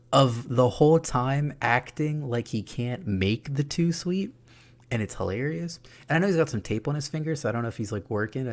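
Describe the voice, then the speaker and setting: A young man giving an excited, profane, laughing recap of a wrestling show. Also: medium pitch. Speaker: wrestling reviewer.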